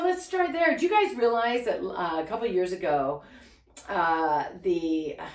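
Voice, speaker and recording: A woman in her fifties doing a stand-up comedy set, with punchy joke delivery and quick asides to the audience. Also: a little high, distant mic. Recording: roomy echo.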